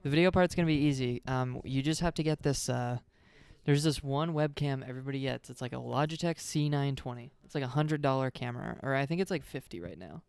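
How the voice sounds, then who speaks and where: A young man chatting loosely on a podcast with a gravelly edge to his voice. His tone is smooth and resonant, and he rambles and laughs as he goes. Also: mid-range voice, a little fast, a little mellow, dry recording. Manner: laid-back, rambling, laughs often. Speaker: podcast co-host. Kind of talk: casual chat. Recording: static on the mic.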